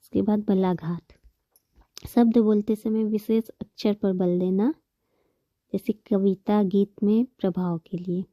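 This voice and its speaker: A woman's voice: mid-range voice, steady tone, slow, mellow, no room sound. A woman teaching a Hindi grammar lesson, patiently explaining terms, repeating them and counting examples aloud.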